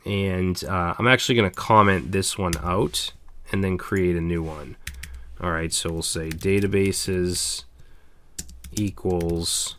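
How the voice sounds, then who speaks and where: A man, slightly hoarse, casually explaining a programming tutorial step by step, with frequent "okay" and "all right". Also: low voice, steady tone, slow, a bit bright, slight background noise. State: slightly hoarse, losing his voice. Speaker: programming instructor. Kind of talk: screencast coding tutorial.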